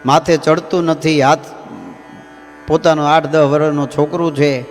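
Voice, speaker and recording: A man's voice: a little high, level tone, measured pace. A man, a swami giving a folksy storytelling sermon with asides to his listeners. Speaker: swami preacher. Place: temple hall. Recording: long temple-hall reverb, faint music.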